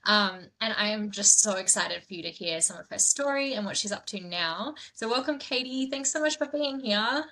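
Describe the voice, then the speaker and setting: Bright-voiced chatty woman host. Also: mid-range voice, expressive, normal speed, few pauses, slight background noise. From grew up in southern India. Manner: chatty, laughs often, soft breathy asides. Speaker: podcast host. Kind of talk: casual podcast chat.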